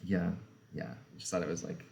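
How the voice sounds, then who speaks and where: A man co-hosting a casual chat, talking in a relaxed, rambling way with lots of "like" and "um". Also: deep voice, moderate pace, gravelly. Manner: relaxed, filler-heavy, lots of "like" and "um". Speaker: co-host discussing personality typing.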